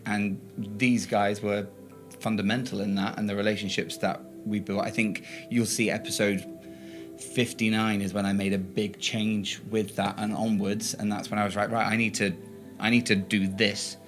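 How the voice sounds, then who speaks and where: A man in a tabletop podcast chat, talking earnestly and thinking aloud with restarts. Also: lowish voice. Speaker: player in a tabletop game podcast.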